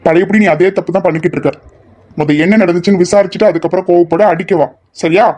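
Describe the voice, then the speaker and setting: Guy doing hot-headed college boys, fairly high voice, picks fights and lectures. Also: steady tone, quick pace, darkish tone, slight background noise, lightly acted. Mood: heated. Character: young male college students, hot-tempered friends. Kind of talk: amateur audio drama acting.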